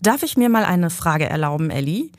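Lady reading a smug know-it-all guy, fussy and pedantic, kinda low voice. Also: sing-song, moderate pace, no room sound. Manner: smooth, pedantic and condescending. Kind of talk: reading her novel aloud.

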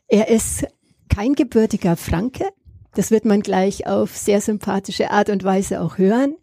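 Woman podcast host, mellow voice. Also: medium pitch, no echo, studio quality. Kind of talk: casual interview.

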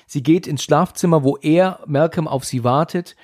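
A man's voice: on the high side, moderate pace, a little mellow. A man casually retelling a film's plot, talking loosely with many fillers and restarts. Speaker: podcast host recapping a film. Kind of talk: casual film discussion.

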